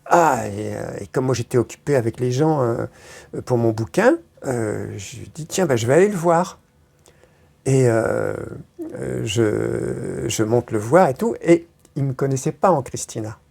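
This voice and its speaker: A woman's voice: extremely low pitch, measured pace, gravelly, warm tone, slightly rough. A woman being interviewed, telling stories in a rambling casual way, with many hesitations and crude slang. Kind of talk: casual storytelling.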